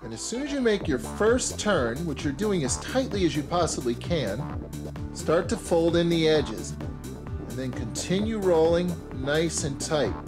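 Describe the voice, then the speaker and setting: A man's voice: fairly high pitch, very animated, unhurried, music in the background. A man in his thirties hosting a cooking show, talking viewers through each step in an upbeat, instructive way with playful asides. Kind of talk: scripted cooking show presenting. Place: home kitchen and supermarket.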